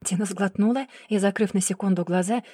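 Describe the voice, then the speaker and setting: Woman narrating a dark audiobook. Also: medium pitch, brisk, breathy edge, no room sound, clean studio sound.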